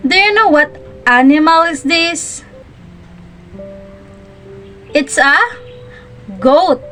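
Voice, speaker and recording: High-pitched woman hosting a kids show. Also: pushed and bright. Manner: slow, simple, encouraging kids show delivery. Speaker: children's lesson presenter. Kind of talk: kids show host, scripted teaching with call-and-repeat questions. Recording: faint music behind the voice. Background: faint music.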